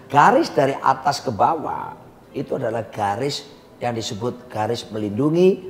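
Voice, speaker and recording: A male pastor preaching with steady emphasis in a mid-pitched voice, teaching his point with conviction. His voice rings with a long reverb, and faint room hum sits underneath. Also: moderate pace. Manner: emphatic preacher, repeats partner's phrases. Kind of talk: conversational sermon teaching. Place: coffee lounge.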